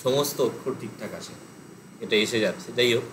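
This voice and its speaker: Guy teaching online class, talks it through w lots of umms, mid pitch, bit of noise behind. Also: fairly quick, fairly bright tone, poor audio. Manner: explanatory, thinks aloud with fillers. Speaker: Pali teacher.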